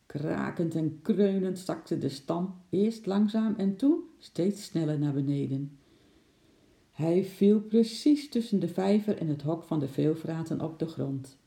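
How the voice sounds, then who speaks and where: A narrator reading a children's storybook aloud in a calm storytelling manner, with a roomy echo. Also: medium pitch, unhurried, gravelly.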